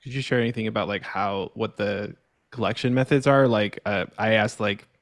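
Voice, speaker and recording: A man's voice: lowish voice, fairly even intonation, normal speed, dry recording, clean studio sound. A man in the audience asking a long question, hesitant and full of fillers.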